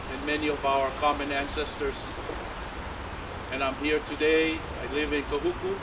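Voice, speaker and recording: A man from Tonga speaks slowly and haltingly, opening with a ceremonial chant. He is picked up from a distance outdoors. Loud traffic noise runs underneath his voice. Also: fairly high pitch. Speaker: community speaker. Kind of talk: opening prayer and solidarity speech. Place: outdoors at a city building.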